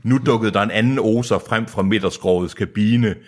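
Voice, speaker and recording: A man's voice: on the low side, slightly rough. A man co-hosting a podcast, reading a novel aloud and breaking off for joking asides. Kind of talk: reading aloud with casual chat.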